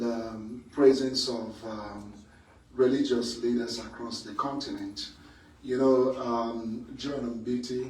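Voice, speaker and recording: Slow-spoken Nigerian-raised priest, echoey hall. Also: male voice, mid-range voice, darkish tone. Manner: slow, measured, frequent um pauses. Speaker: priest and academic speaker. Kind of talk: panel talk. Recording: echoey room, distant mic.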